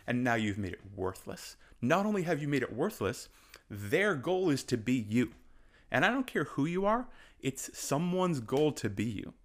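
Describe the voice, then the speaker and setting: A man's voice: mid-range voice, a bit bright. A man who works as a fitness coach, giving an impassioned motivational talk and repeating points for emphasis. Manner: passionate, emphatic, repeats for stress; moves about while talking.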